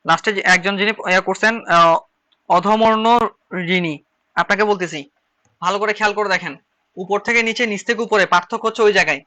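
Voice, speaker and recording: High, bright-voiced Chittagong Bengali teacher. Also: male voice, quick pace, pauses often. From Bangladesh. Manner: repetitive, drilling, step-by-step explaining. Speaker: shorthand teacher. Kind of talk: online class instruction.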